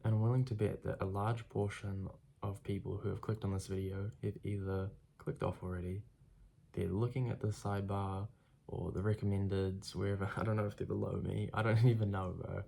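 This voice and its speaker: A man's voice: deep voice, level tone, a little fast, vocal fry, warm tone, a little hiss or hum. A young man with a congested, stuffed-up voice gives a blunt, casual motivational talk straight to the camera, swearing freely. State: congested from a cold. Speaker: self-improvement vlogger.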